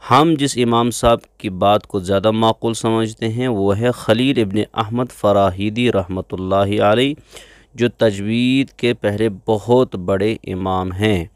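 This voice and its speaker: Slow-talking man teaching letter sounds. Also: fairly low pitch, steady tone. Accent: Urdu-speaking. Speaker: Quran recitation teacher. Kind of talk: slow explanatory lesson on letter pronunciation.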